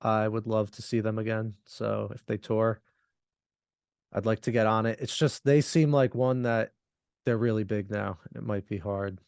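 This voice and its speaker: A man co-hosts a podcast in relaxed, rambling conversation, laughing often. His voice has a gravelly edge. The sound is dry, with no room echo. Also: on the low side, normal speed. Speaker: podcast co-host. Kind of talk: casual chat.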